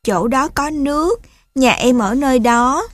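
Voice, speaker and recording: A woman's voice: high-pitched, unhurried, no room sound, voice pushed up. A woman voicing a small lost duckling who cries and whines to go home. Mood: plaintive. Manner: whiny, tearful. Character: lost little duckling, crying and sulky.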